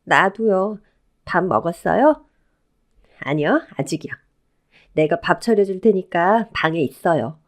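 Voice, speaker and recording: A woman's voice: lowish voice, expressive, measured pace, long pauses. A woman playing a kind, meek sister-in-law. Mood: gentle. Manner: gentle, quiet, soothing.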